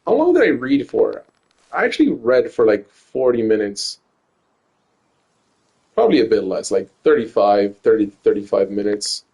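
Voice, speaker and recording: This young gaming streamer's voice sits on the low side, dark and husky with vocal fry, and he's very animated at a normal speed, pausing often. His casual gameplay commentary rambles, full of stutters, restarts and frequent swearing.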